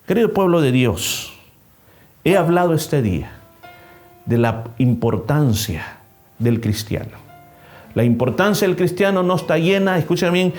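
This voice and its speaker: A man's voice: medium pitch, darkish tone. Impassioned male preacher, faint music. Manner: preaching with rising emphasis and numbered points; acts out a story with changing voices. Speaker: pastor. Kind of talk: sermon. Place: church service.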